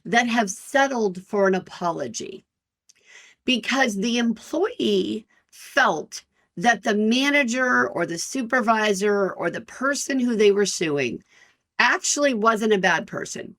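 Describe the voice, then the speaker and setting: In her fifties, an employment lawyer hosts her own solo podcast, speaking frankly and directly to listeners. Her medium-pitched voice is loud and energetic.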